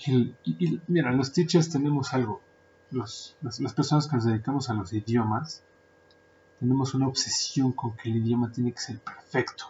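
Joking Mexican podcast host. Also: male voice, mid-range voice, moderate pace, darkish tone, slight background noise. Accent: Mexican Spanish. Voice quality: joking, chatty, frequent filler words. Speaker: podcast host, translator and interpreter. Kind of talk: casual podcast monologue. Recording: dull lo-fi sound.

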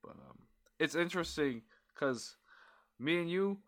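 Casting: young male podcast host, slightly high voice, drawling pace with loud jokey outbursts. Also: lively intonation. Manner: slow-talking, loud joking bursts. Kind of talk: casual chat.

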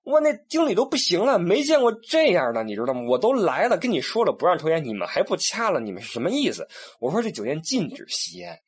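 Husky fast-talking male tour guide. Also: high-pitched. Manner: animated, acts out quoted people, many restarts. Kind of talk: casual storytelling monologue.

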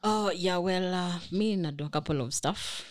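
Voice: mid-range voice, moderate pace, no room sound. A young podcast guest with a Kenyan accent, speaking in a casual conversational style. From Nairobi, Kenya. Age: young adult. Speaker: podcast guest, film student. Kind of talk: casual interview chat.

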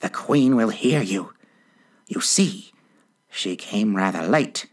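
A man voicing a timid, anxious rabbit who speaks in a low, hurried, frightened hush. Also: huge pitch swings, heavily acted. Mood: nervous hush.

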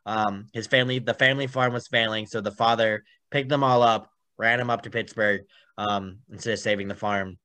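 A man's voice: fairly low pitch, fairly even intonation, a little fast, pushed and bright, dry recording. A young man co-hosting a sports podcast, chatting casually and rambling with fillers as he goes. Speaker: podcast co-host.

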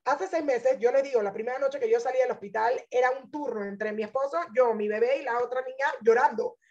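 High-voiced woman giving an earnest testimony. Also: a little fast, darkish tone, lo-fi sound. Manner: earnest and emphatic, addresses listeners directly. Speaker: religious teacher. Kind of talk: inspirational personal testimony talk.

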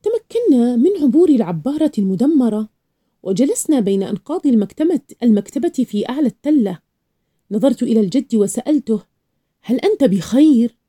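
A woman reading a novel aloud in an expressive first-person storytelling voice. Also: fairly high pitch, quick pace. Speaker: narrator.

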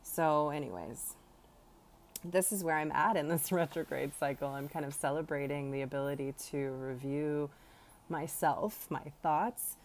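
Woman in her 40s, deep-ish voice, earnest rambly podcast talk, lots of "you know". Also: fairly even intonation, measured pace. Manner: earnest, rambling, many fillers. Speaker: podcast host. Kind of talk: reflective spiritual monologue.

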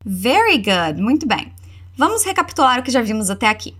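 Brazilian woman, English teacher, repeat-after-me drills, slightly high voice, animated. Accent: Brazilian Portuguese. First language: Portuguese. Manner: slow, over-articulated model phrases between quick explanations.

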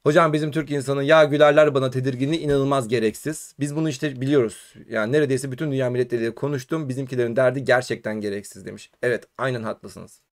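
A man from Turkey hosting a casual live-stream chat, animated and urging his viewers on. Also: medium pitch, quick pace, hardly any pauses. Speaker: host.

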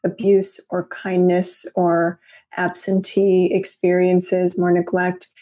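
A woman talking in a podcast conversation, explaining things in a measured way and laughing easily. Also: lowish voice, monotone, warm tone.

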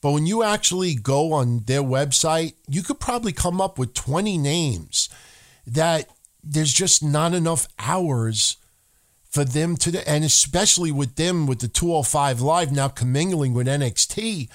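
With a fairly high pitch and an unhurried pace, a man co-hosting a wrestling podcast swears his way through casual, lively chat. Occasionally he puts on joking broken-English voices.

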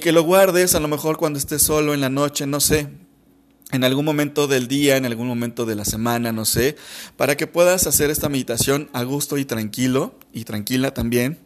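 A man hosting a personal podcast and leading a guided meditation, gently repeating phrases as he searches for words. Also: medium pitch. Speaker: podcast host.

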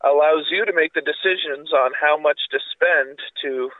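Casually chatting as a podcast co-host, a congested man with a cough and a sore throat rambles along, cursing and using lots of fillers. He talks at a normal speed in a slightly high voice. The sound is dry and phone-quality.

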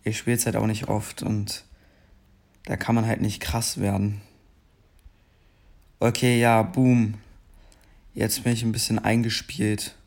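A young man behind a gaming channel offers laid-back, wandering commentary while playing, then snaps into frustrated outbursts. His voice is on the low side, with vocal fry, a scratchy morning roughness, and little pitch movement.

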